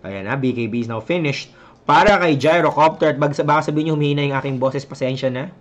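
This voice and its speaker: A young man with a Filipino accent commentating a live esports match, chatty and mixing English with Tagalog, getting excitable on big plays. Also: medium pitch, fast. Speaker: esports caster. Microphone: headset mic, stepping back from it.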